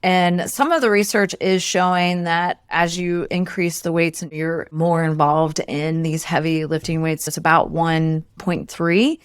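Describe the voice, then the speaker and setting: A woman co-hosting a podcast, calmly explaining protein and calorie math step by step. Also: on the low side, a little slow, few pauses, smooth, dry recording, studio quality. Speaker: podcast co-host, nutrition expert. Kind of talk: casual explanatory chat.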